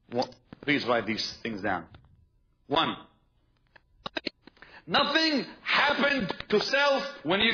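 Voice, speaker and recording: A man with a medium-pitched, bright, forceful voice preaches emphatically, repeating his key points and calling on the congregation to answer. It's a dull, noisy live sermon recording.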